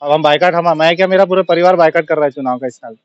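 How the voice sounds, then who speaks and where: High-voiced indignant shopkeeper, lo-fi. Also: male voice, racing. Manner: indignant, emphatic complaining. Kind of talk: street interview.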